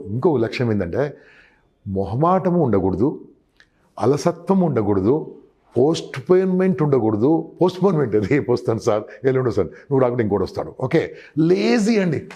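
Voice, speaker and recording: A man's voice: mid-range voice, sing-song, brisk, dark tone, husky. A man giving emphatic sales advice in an interview, often calling the listener boss and acting out customer exchanges. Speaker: sales trainer guest.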